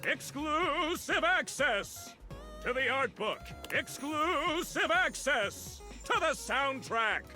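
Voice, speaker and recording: A man's voice: very high voice, very animated, takes it slowly, pushed and bright, soft background music, heavily acted. An actor playing a cheerful armored loot-box salesman in a video game, using an upbeat customer service voice. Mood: excited sales pitch. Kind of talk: video game character acting.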